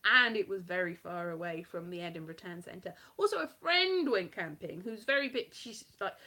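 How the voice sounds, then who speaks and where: Her voice is fairly low, animated, pushed and bright, moving at normal speed. This South Wales comedian, who performs at festivals and has a light West Country tinge to her Welsh accent, rambles casually and mocks herself on a live stream from her kitchen at home.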